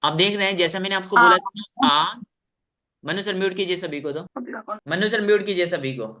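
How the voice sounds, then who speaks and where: A man with an Indian accent teaching English in an online class over a video call, drilling words slowly and repeating each one three times, stern with his pupils. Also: high-pitched, pushed and bright. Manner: stern with students.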